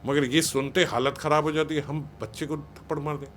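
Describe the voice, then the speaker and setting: A man's voice: fairly high pitch, steady tone, fairly quick, fairly bright tone, a little hiss or hum. A man giving a spiritual talk on raising children, conversational and scolding, often acting out what parents and teachers say. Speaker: spiritual speaker.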